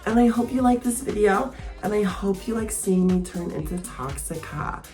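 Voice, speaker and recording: A tipsy man doing a drag persona's feminine girl voice through a pitched-up gender swap filter, with a sassy manner. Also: expressive, moderate pace, darkish tone, soft background music. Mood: sweet sign-off. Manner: sassy, swearing, calls viewers mama and girl. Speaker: drag vlogger. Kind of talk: casual makeup tutorial chat.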